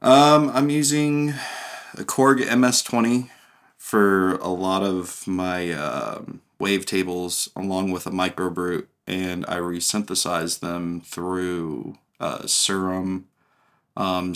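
A man, a music producer, explaining his work haltingly in a casual studio interview. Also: sits low, fairly even intonation, a bit bright.

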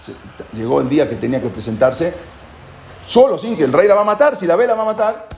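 A man's voice: on the high side, animated, fast talker, darkish tone, a little hiss or hum. A man teaching a religious lesson as a story, retelling it with animation and acting out the characters' dialogue in different voices. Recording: roomy echo.

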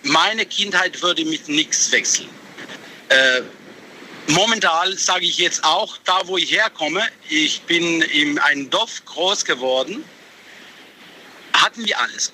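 A man phones a radio show from his truck on a hands-free speakerphone, the line a little noisy. He talks slowly and haltingly, stopping often for fillers and restarts. His voice is fairly high and very bright. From Kosovo. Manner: hesitant, many fillers and restarts. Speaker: caller, truck driver. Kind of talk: call-in radio chat. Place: truck cab on the road.

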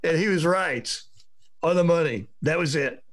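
A man's voice: fairly high pitch, normal speed, no echo. A middle-aged man, a sports reporter, telling rambling stories on a podcast and acting out what people said. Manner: rambling storyteller, acts out quotes. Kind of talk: casual podcast chat.

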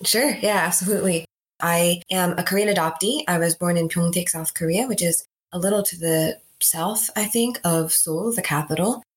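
Woman guest from the Boston area, lowish voice, measured and reflective. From United States (greater Boston area). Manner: reflective, measured, thoughtful pauses. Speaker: podcast guest. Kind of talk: personal storytelling interview.

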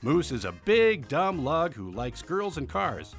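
A man playing a glib, excitable game-show host with a hammy, punchy announcer delivery in a comedy parody. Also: a little high, unhurried, soft background music. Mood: upbeat, showy.

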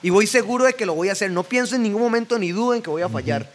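Fast, high-voiced Costa Rican man. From Costa Rica. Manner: animated, storytelling with sound effects and filler words. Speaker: podcast guest, skater. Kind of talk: casual chat.

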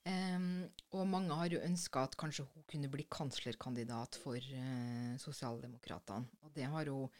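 Low-voiced woman explaining politics. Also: few pauses, darkish tone. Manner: thoughtful, hesitant with many fillers. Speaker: podcast co-host. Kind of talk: conversational explainer.

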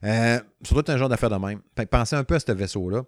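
A young man with a Quebec French accent chats casually about a game he's reviewing, rambling excitedly with lots of slang and restarts. He talks fast at a medium pitch, and the recording is very dry and close.

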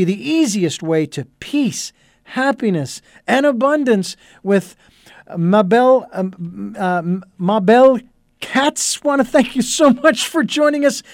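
A middle-aged man with a high voice hosts a radio talk show, wandering through his intro with plenty of "uh"s and restarts. The sound is dry and close, with no room around it. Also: no echo. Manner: rambling, with many fillers and restarts. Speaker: host.

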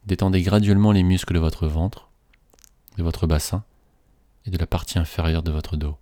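A man slowly reading a guided relaxation script in a soothing, measured way. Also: sits low, steady tone, warm tone, no echo.

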